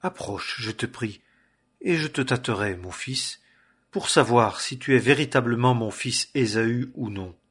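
A man reading the lines of an aged blind father in a solemn, measured way. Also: mid-range voice, expressive, fairly bright tone, slightly rough. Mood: questioning.

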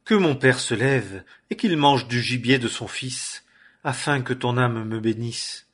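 A man reading the lines of a rugged hunter, the elder son, in a measured way. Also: mid-range voice, a bit bright, slightly rough. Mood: pleading.

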